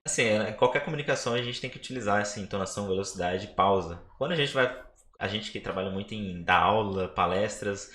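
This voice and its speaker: A man's voice: on the low side, fairly bright tone, slight background noise. Brazilian man talking in an echoey room. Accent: Brazilian Portuguese. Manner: quick talker who slows down to stress points. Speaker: nutritionist podcast co-host. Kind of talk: casual podcast discussion.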